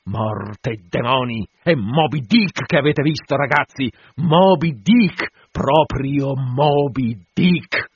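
A fierce, tormented whaling captain acted by a male narrator rallies his crew in grand exclamations. The voice is loud, raised and husky, full of obsessive command. It is an audiobook performance with a slightly dull, dry sound. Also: medium pitch, normal speed, no room sound, lightly acted. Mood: exultant. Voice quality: forceful shouting delivery.

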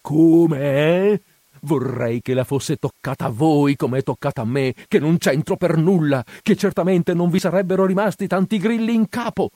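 A man reading aloud voices a timid, frightened middle-aged village priest who pleads in a high, quavering voice and drags out his words. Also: normal speed, warm tone, dry recording, lightly acted. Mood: indignant scolding.

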